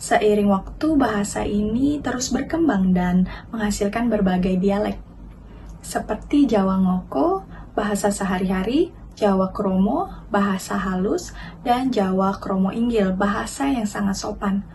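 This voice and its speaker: A young woman explains her part of a class presentation in a careful, measured way at a middle pitch. She sounds somewhat far from the mic, with faint noise behind. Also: dark tone. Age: young adult. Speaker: university student presenter.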